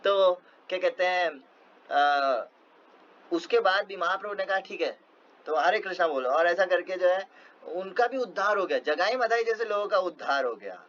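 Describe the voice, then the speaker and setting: A man's voice: high-pitched, animated, moderate pace, fairly bright tone. A man giving a casual devotional talk, telling stories with many fillers and small laughs. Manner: storytelling with frequent fillers and laughs. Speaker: devotional speaker. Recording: dull lo-fi with faint noise.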